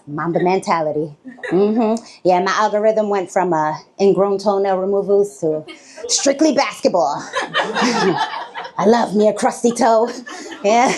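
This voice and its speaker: A woman's voice: mid-range voice, moderate pace, darkish tone. A woman performing a stand-up comedy set on stage, telling a story and laughing between her lines. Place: comedy stage before a live audience.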